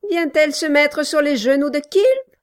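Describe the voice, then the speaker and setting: A woman's voice: high voice, expressive, unhurried, voice pushed up. A woman reading an audiobook, voicing a malicious, cruel dwarf man who barks orders and taunts with mock sweetness. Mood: mock-sweet.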